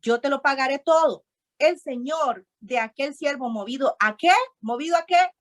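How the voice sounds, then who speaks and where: A woman's voice: sits high, moderate pace. A woman preaching a sermon, reading scripture aloud and stopping often to urge her listeners to repeat and underline the verses.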